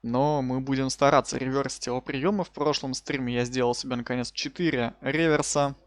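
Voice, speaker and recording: A man's voice: medium pitch, fairly even intonation, a little fast, no echo. A man giving casual, slangy live commentary as he hosts a gaming stream. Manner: informal, colloquial, slangy. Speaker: live streamer hosting a wrestling game stream.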